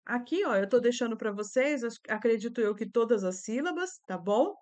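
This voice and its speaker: A woman's voice: a little high, expressive, a little fast, darkish tone. A Brazilian woman teacher with a Brazilian accent, explaining reading activities to other teachers in a chatty way, checking in often with little tag questions. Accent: Brazilian Portuguese.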